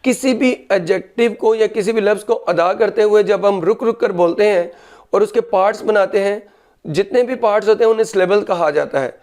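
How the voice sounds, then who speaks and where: A man teaching a grammar lesson, explaining patiently and slowing right down when he dictates the rules. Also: sits high, darkish tone.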